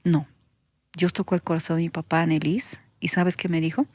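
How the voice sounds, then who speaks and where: A woman pastor, giving an earnest testimony that sinks into soft whispers when she recalls her prayers. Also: lowish voice, level tone, fairly quick, no echo. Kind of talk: emotional testimony in conversation.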